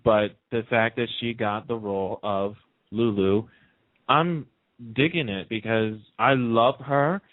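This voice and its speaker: His voice sits on the low side and he takes it slowly. Through a muffled phone-like line, this man chats casually and emphatically as a radio show participant, sharing opinions on soap opera storylines from TV.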